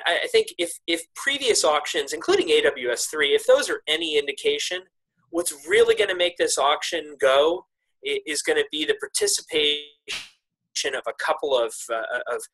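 A man in his thirties speaks over a webcam video call from an office, analyzing the industry in measured, careful sentences. His voice is bright and forceful, sitting a little high, and it jumps upward when he stresses a point. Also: sing-song, slightly rough, rough recording. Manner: measured, frequent restarts, rises in pitch for emphasis. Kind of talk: remote video interview. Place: office with wooden cabinets.

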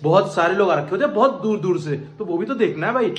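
A man's voice: high-pitched, expressive, quick pace. A young man chatting to his viewers in a casual, joking travel vlog, talking them through his day on a trip. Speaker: vlogger.

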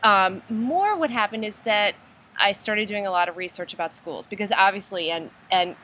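A woman's voice: mid-range voice, normal speed, pushed and bright, a little hiss or hum. A middle-aged woman, chatting casually and telling stories with frequent laughter. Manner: chatty, laughs often, tells stories animatedly. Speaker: host. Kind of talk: casual chat.

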